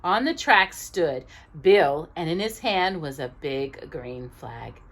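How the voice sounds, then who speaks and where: A woman narrates a children's storybook with a low, expressive voice, stretching out words with deliberate emphasis for small children.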